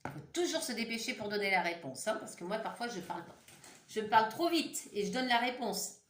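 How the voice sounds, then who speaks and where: A woman teacher slowly dictating words syllable by syllable to young children, encouraging and patient. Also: a little high, expressive, reverberant. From France. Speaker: primary school teacher.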